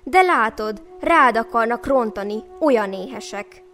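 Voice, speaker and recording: A woman's voice: a little high, animated, fairly bright tone, soft background music. A woman voicing a poor, cunning old widow with many children, speaking emphatically.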